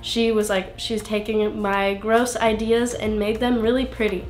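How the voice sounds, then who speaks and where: A woman's voice: mid-range voice, little pitch movement, moderate pace, a little mellow, reverberant, faint music behind. A young woman in her twenties, a singer being interviewed, talking in a rambling, self-interrupting way with lots of fillers. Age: 20s. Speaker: singer-songwriter guest. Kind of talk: casual interview.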